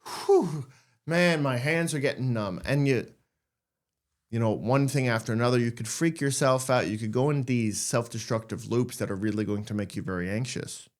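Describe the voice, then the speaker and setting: A podcast host with a mid-range, fairly quick male voice delivers a casual self-help monologue about anxiety. He's candid and jokey, acting out his own worried thoughts as he talks.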